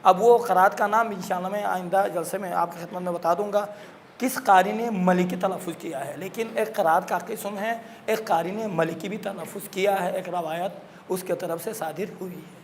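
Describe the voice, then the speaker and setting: A man's voice: sits high, fairly even intonation, slight background noise. A man teaching a classroom lesson on Quran recitation, explaining patiently and repeating his points.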